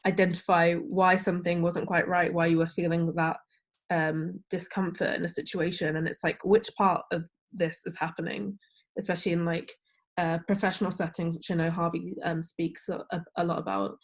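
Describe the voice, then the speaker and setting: A woman's voice: fairly low pitch, flat delivery, normal speed. A woman moderating a panel over a video call, loose and chatty with many fillers. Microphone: video call mic.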